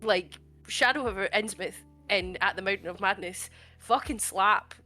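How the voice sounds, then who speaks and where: A woman's voice: medium pitch, normal speed, pushed and bright, faint music behind. A woman chatting casually on a podcast, laughing often and swearing freely. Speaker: podcast co-host. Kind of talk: casual chat.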